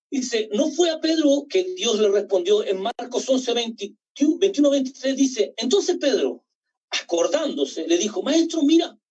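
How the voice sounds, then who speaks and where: A woman preaching a sermon in a church, reading Scripture aloud with dramatic slowed emphasis on key words. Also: fairly high pitch, a little mellow, breathy edge. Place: church hall. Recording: distant, dull lo-fi church recording.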